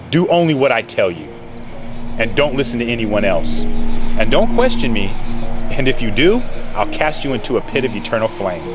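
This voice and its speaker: A man's voice: mid-range voice, close to an everyday voice. An actor playing the devil as a persuasive, mocking salesman in a short film, with music behind. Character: smooth-talking male devil posing as a salesman, scornful of humanity.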